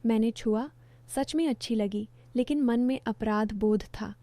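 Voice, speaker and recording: A woman telling a first-person story as scripted narration, in a steady, even storytelling delivery. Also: on the high side, measured pace, no room sound.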